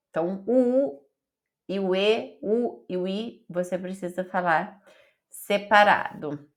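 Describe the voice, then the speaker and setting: A woman teaches an online pronunciation lesson at an unhurried pace. She spells out letters and syllables with careful, deliberate repetition. Her voice sits in a middle pitch. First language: Portuguese. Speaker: Italian teacher.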